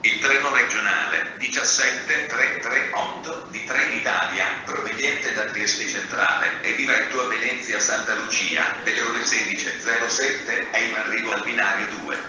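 An automated male announcement echoes over public-address speakers on an outdoor railway platform, delivered in a formal, segmented way. The voice is on the low side, moderately paced, with hardly any pauses. Heard from far off, the loudspeaker sound is echoey and noisy, with loud station ambience and vehicle noise around it.

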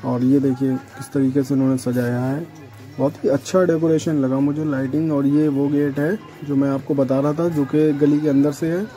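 Walking through a crowded shrine courtyard decorated for the night, a young vlogger from India speaks with a Farrukhabad Hindi accent. His mid-range voice is dark and level at a normal pace, chatty as he points out sights to viewers. Soft background music plays, and he records on a handheld phone camera.

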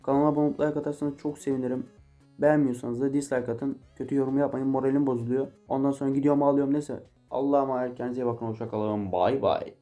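Eighteen-year-old male vlogger, rapid joking banter, dark mellow tone, faint guitar under it. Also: mid-range voice, steady tone. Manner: joking, swearing, mock-angry outbursts. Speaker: YouTuber answering viewer questions. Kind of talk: casual Q&A vlog. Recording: faint guitar music behind.

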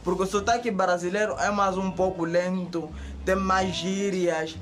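A young adult YouTuber with a Mozambican Portuguese accent talks casually to the camera in a voice that sits high, keeping a measured pace. Animated, he gestures with both hands, recorded close up indoors beside a bare concrete wall.

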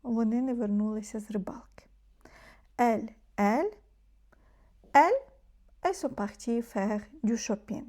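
Mellow-voiced woman teaching French. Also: on the high side. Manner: explains slowly, repeating French words, often dropping to a soft murmur. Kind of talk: language lesson.

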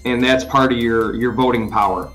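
A man's voice: medium pitch, steady tone, moderate pace, a bit bright. Rambling man explaining over faint music. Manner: rambling, many fillers and restarts. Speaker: podcast co-host explaining crypto. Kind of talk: casual chat.

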